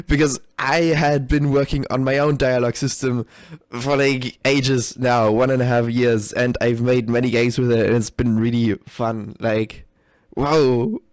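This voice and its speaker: Here a game developer makes a reaction video, speaking at medium pitch with no echo in the recording. He giggles often and keeps cracking up while delivering rambling, sweary, self-deprecating commentary that's casual and unscripted.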